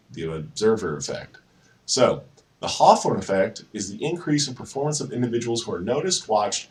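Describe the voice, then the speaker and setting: Young man, low voice, lecturing over slides, casual with fillers, mic at a distance. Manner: casual, with frequent fillers and self-corrections. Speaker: psychology lecturer. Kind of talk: informal slide-based lecture.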